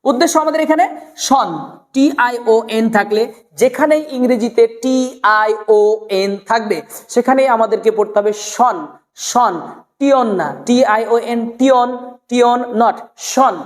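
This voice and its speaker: A woman teaching an English pronunciation class, drilling words slowly and repeating each one, asking the viewer questions as she goes. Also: fairly high pitch, long reverb tail. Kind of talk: spoken English lesson.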